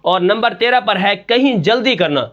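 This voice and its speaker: A man teaching Quran recitation rules. He asks his students questions and answers them himself, dropping low on each answer. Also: animated, a bit bright, muffled recording. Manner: breaks into slow, drawn-out Quran recitation to demonstrate. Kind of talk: tajweed lesson in Urdu.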